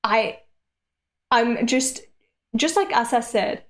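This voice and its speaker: Slow-talking, higher-voiced woman in her late twenties. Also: lively intonation. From Europe. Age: late 20s. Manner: candid, self-deprecating, swears casually, frequent laughs. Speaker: streamer reading comics aloud. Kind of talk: casual live-stream chat.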